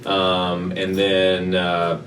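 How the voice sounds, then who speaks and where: Deep-voiced man, relaxed rambling interview. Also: drawn-out words. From born in Japan, raised in Texas. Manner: relaxed, rambling, frequent fillers. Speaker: political candidate. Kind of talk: casual interview talk. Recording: faint ambient noise, slightly distant mic.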